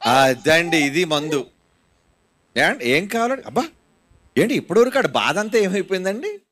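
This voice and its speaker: A man with a Telugu accent delivers a sermon in a high voice that swoops up and down. He mocks his listeners and keeps firing rhetorical questions at them. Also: big pitch swings, normal speed, fairly bright tone. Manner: mocking, rhetorical, constantly asking the audience. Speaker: pastor.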